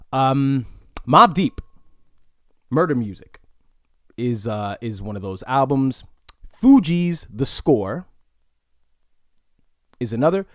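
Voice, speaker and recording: A man's voice: mid-range voice, dry recording, clean studio sound. A man, hosting a casual solo podcast and musing in a reflective, rambling way full of "you know" asides. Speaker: podcast host.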